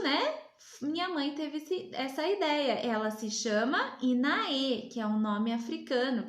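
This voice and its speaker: A woman from Brazil teaching young children, patient and drawing her words out slowly. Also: high voice, echoey room. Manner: slow, patient, drawn-out words for small children. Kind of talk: remote lesson for young children.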